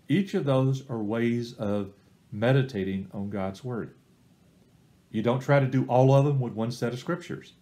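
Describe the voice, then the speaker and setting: A middle-aged man teaching a church small-group Bible study, with a voice of ordinary middle pitch. He sets out practical tips one step at a time in a plain, unhurried way, like a lay teacher leading a recorded weekly lesson. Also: darkish tone.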